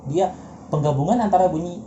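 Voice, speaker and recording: A man's voice: high voice, fairly quick, dark tone, roomy sound, muffled recording, slight background noise. A man teaching English pronunciation in a casual, joking lesson, drilling words for a partner to repeat.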